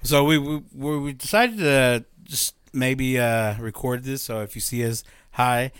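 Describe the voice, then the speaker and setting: A man in his thirties hosts a loose, chatty podcast while still out of breath, his sentences trailing off and restarting as he laughs at himself. His voice sits at an ordinary middle pitch. The sound is dry and close, with no room echo. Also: unhurried, fairly bright tone, clean tone. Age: 30s. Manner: rambling, laughing, self-mocking. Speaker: podcast host. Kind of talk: casual podcast chat.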